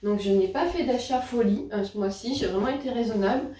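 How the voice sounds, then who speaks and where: A woman's voice: fairly high pitch, brisk, dark tone. A woman chatting casually about her new books, with many fillers and self-corrections. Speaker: book vlogger. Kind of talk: casual book haul chat. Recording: roomy, a bit distant from the mic.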